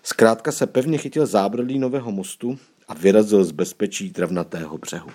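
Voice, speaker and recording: A man narrating an audiobook chapter in an expressive, storytelling manner. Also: lowish voice.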